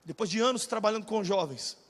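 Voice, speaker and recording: A Brazilian pastor in his forties preaching a sermon, swinging from shouted bursts to low, confiding talk. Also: fast. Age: 40s. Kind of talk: energetic sermon. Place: large church hall, live audience. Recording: reverberant church hall.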